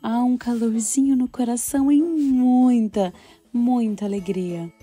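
A woman hosting a children's story podcast in an animated, bubbly, exaggerated way aimed at young listeners. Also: on the high side, unhurried, faint music behind.

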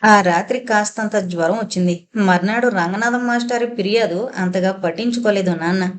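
A woman reading a first-person novel aloud as a narrator, steady and storytelling, lifting her voice for quoted lines. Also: mid-range voice, moderate pace. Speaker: audiobook narrator.

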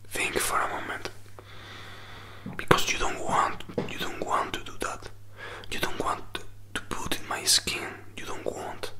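A man in his twenties in a whispered role-play, playing a hurt, jealous boyfriend who pleads haltingly in breathy, non-native English, close to the microphone. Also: lightly acted. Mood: jealous, insistent. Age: 20s. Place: small indoor room. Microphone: close desk microphone with furry windscreen.

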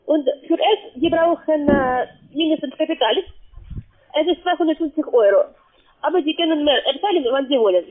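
Over a thin, narrowband phone connection, a high-voiced woman working in a call center stumbles through a scripted sales pitch. She has a foreign accent, isn't a native German speaker, and her phrasing is broken.

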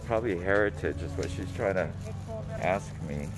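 A low-voiced man from Guam vlogs at an outdoor flea market at a moderate pace, chatting with self-amusement and calling viewers "peeps" while loud music plays.

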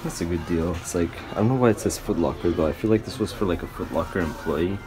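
With music in the background, a young adult vlogger talks fast in a low-pitched voice. He addresses a camera or phone at arm's length in a loose, slangy, rambling way, using "like" frequently, starting out in a parked car and later filming in a small store fitting room.

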